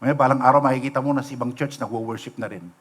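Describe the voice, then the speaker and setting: Speaking rapidly in a medium-pitched, steady voice, a middle-aged Filipino pastor delivers a sermon livestreamed from the church sanctuary. He mixes stories with rhetorical questions for the congregation and drops in English phrases.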